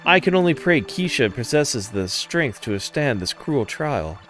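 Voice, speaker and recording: A man voicing a solemn male village priest in a comic let's-play, pious and measured. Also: medium pitch, very animated, fairly bright tone, soft background music.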